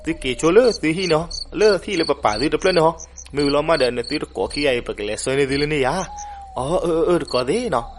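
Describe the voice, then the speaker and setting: A man narrating a folk legend, animated and switching voices for the characters. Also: fairly high pitch, quick pace. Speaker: storyteller. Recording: noisy recording with crickets behind.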